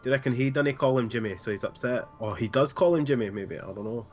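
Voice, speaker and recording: A man playing a blunt, not very bright male dwarf mercenary, talking crudely with low asides. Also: fast talker, muffled recording, faint music behind, natural voice.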